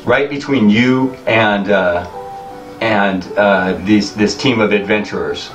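A man running a tabletop game as game master, narrating haltingly with many fillers. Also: fairly low pitch. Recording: echoey room, far from mic, faint music.

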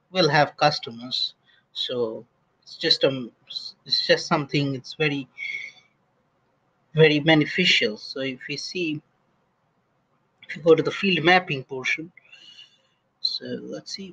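Man demoing software, lo-fi audio. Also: fairly high pitch. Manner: casual, thinking aloud, many restarts and fillers. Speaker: SAP instructor. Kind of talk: screen-recorded software tutorial.

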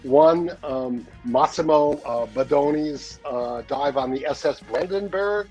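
Taking it slowly, a sixty-something man who edits the newsletter and guests regularly on the show rambles casually over a webcam call from his home study, with many fillers and easy laughs. His voice is on the high side and darkish, the highs cut off, with faint music behind.

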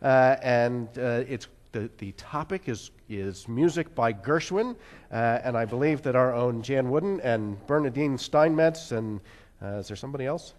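A man giving halting church announcements with many pauses and fillers. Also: mid-range voice, lively intonation, darkish tone. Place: church sanctuary. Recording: long church reverb.

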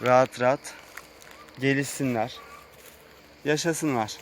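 Slow-talking man outdoors by a sheep pen. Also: steady tone, a little hiss or hum. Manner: slow, unhurried, with sing-song high calls to the animals. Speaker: vlogger moving to the countryside. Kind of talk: casual vlog talk while tending sheep.

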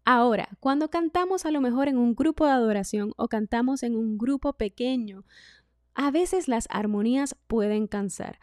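A woman vocal coach, giving a singing lesson in a clear, instructive way. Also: fairly high pitch, moderate pace, no room sound, studio quality. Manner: clear instructive delivery, demonstrates loud and whispered speech.

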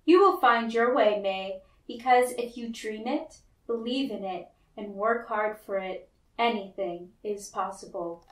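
A woman voicing a gentle, encouraging father in a children's storybook. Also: mid-range voice, a little slow, natural voice. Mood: reassuring. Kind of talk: children's storybook read-aloud. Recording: roomy, echoey, distant mic.

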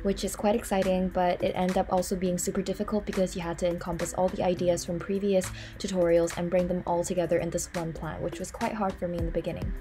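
A woman's voice: fairly low pitch, level tone, fast, few pauses. Chatty young woman vlogging over music. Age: young adult. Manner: chatty, upbeat, frequent "um" and "so". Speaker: student vlogger. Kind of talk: casual vlog narration. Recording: music playing underneath.

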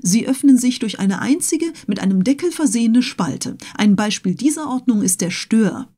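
A tireless, pedantic young man lists facts with unwavering precision, as a woman reading a storybook puts him on. The voice sits a little above her usual pitch, with a mellow, soft tone. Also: animated, moderate pace. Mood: lecturing. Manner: lecturing, precise listing. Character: pedantic learned male servant, tireless.

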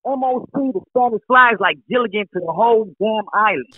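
A man calling in to a show on a muffled phone line that sounds like it comes through a wall, loud and hyped as he shouts people out. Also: high voice, fairly quick, crowd noise. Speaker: caller. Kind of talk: casual call-in chat.

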